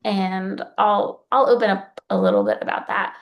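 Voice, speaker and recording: A woman's voice: mid-range voice, very animated, normal speed, lo-fi sound. A young adult woman talking earnestly and openly about forgiveness, sometimes getting emotional as she shares her own experience. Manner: earnest, open, gets emotional at times. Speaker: guest speaker on forgiveness. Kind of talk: personal talk.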